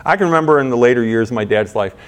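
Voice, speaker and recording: Speaking very fast and smoothly, a middle-aged pastor gives a relaxed, conversational sermon. He questions his listeners rhetorically, restarts sentences often, and moves between soft, low asides and brighter, elevated points.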